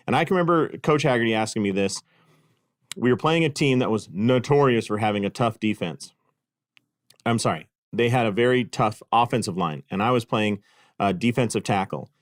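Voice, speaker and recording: A man's voice: on the low side, dry recording, clean studio sound. A middle-aged man hosting a podcast, telling a casual story with self-deprecating humor and frequent fillers. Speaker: podcast host and clinic consultant. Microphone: podcast microphone.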